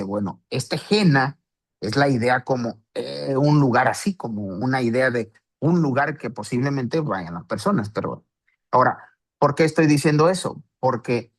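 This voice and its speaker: Male Bible teacher, mid-pitched, casual explanatory delivery. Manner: conversational, with rhetorical questions and restarts. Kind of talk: Bible study talk.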